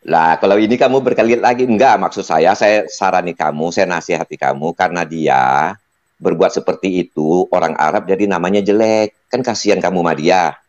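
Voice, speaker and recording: A man's voice: low-pitched, fairly quick, highs cut off. A man in a heated, casual debate who needles his opponent, repeats words and stammers. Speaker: debater in online voice chat.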